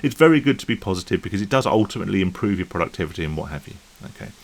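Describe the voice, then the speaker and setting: A man's voice: low voice, expressive, rapid-fire, vocal fry. A man talking casually to camera about recovering from gambling, rambling and checking in with the viewer. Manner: rambling, conversational, checks in with "right?" and "okay?". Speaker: YouTube vlogger on gambling recovery.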